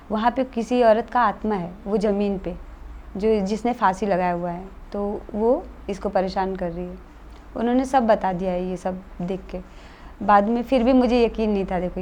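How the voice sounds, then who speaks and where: Woman recounting her experience in a mellow voice. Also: mid-range voice, a little hiss or hum. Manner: earnest, matter-of-fact retelling in plain conversational Hindi. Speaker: guest telling a true experience. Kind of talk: casual interview storytelling.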